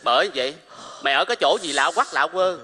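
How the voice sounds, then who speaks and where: An earnest friend, Chấn. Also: male voice, fairly high pitch, expressive, fast talker, pushed and bright. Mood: eager. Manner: earnest, pleading. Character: earnest loyal man, sings a lament. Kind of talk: cải lương singing and dialogue. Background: traditional music accompaniment.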